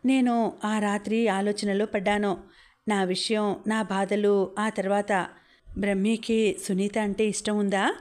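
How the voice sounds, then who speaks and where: A woman reading a novel aloud as an audiobook, narrating in the first person with a flat, even delivery. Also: mid-range voice.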